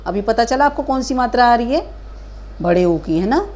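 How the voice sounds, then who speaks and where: A woman teaching a kindergarten Hindi lesson, stretching out each word slowly and asking gentle questions of young children. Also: fairly high pitch, expressive, highs cut off. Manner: slow drawn-out syllables modelling words for children; patient questioning, addresses children as beta.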